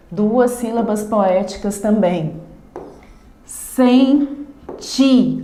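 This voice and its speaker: A woman teacher gives an online lesson, stretching words slowly syllable by syllable as she explains. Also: mid-range voice, dark tone, roomy sound.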